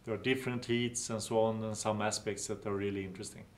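Researcher guy, lowish voice, lots of uhs. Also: fairly even intonation, fast. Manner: hesitant, many fillers. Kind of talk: interview.

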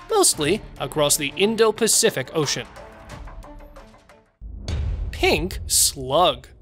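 A man reading scripted nature documentary narration as a presenter, in measured phrases. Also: sits high, fairly bright tone. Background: music.

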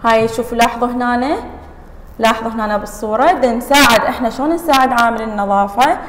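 A woman teacher with an Iraqi Arabic accent, reading a lesson slowly to young pupils and quizzing them on grammar. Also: on the high side, fairly bright tone, in a large hall. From Iraq. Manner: slow deliberate reading, stretching words, quizzing pupils. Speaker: primary school teacher.

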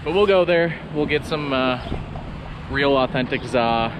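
A young man hosting a casual travel vlog, chatting easily and thinking out loud as he walks around the city. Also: mid-range voice, unhurried. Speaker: vlogger. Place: city streets outdoors. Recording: loud street noise. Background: loud traffic noise.

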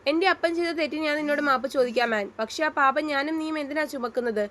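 A woman voicing a gentle young man who soothes and reassures his sweetheart in a read-aloud romance story. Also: high-pitched, fast talker. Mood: soothing. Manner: soft, coaxing.

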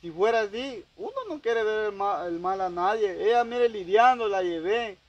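A man's voice: sits high, normal speed, no room sound, muffled recording. A man telling a long personal story in casual talk, acting out both sides of the conversation. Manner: rambling, heavy use of quoted dialogue. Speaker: storyteller recounting a personal dispute.

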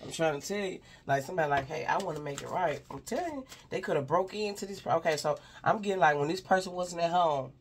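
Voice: mid-range voice, lively intonation, fast talker, few pauses, a little hiss or hum. A spiritual advisor gives a casual, rambling reading to viewers. The speaker keeps repeating "you know what I'm saying," addresses an unseen person directly and sighs between thoughts.

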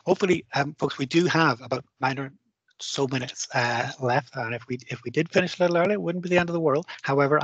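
A man hosting a conference session over a headset video call from his home office thanks the speaker and invites questions. He sounds warm, encouraging and chatty, and his thanks ramble. His voice is medium-pitched and husky, with no room sound and the highs cut off.

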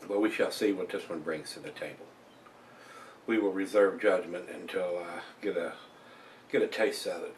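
A man's voice: on the low side, slight background noise. Older man reviewing beer in a roomy space. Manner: relaxed, chatty, with many fillers. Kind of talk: casual beer review vlog. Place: small room at home, indoors. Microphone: camera across the room. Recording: roomy and distant from the mic.

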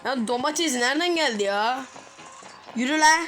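A woman's voice: high voice, expressive, moderate pace, fairly bright tone. A young woman hosting a gaming video, chatting casually and getting exasperated with the game. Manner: exasperated, chatty, laughs in frustration. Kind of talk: casual gameplay commentary. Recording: noticeable background noise.

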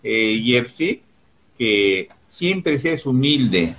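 A man's voice: medium pitch, very animated, extremely slow, a bit bright, a little hiss or hum. Chatty man interviewing by video call. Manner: chatty, many fillers like "pues" and "este". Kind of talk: casual online interview.

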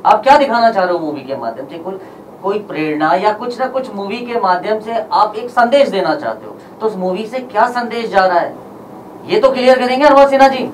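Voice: medium pitch, animated, a little fast. A speaker at a press conference, firing rhetorical, accusing questions at filmmakers. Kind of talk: impassioned press statement. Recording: distant mic with faint background noise.

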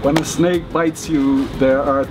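A man's voice: fairly high pitch, steady tone, normal speed, music in the background. An older man in his seventies giving an informal expert interview, plain-spoken and emphatic, repeating his advice. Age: older, 70s. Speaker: snake expert, interview guest. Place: outdoors, open-sided thatched shelter and park entrance. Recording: loud outdoor ambient noise.

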